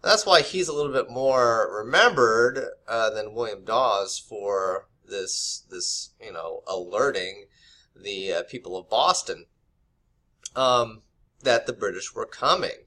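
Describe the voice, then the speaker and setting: A man's voice: fairly low pitch, slow, pushed and bright. A man giving an unscripted history lesson to camera, loose and conversational, with many fillers and restarts. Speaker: history teacher. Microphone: camera mic.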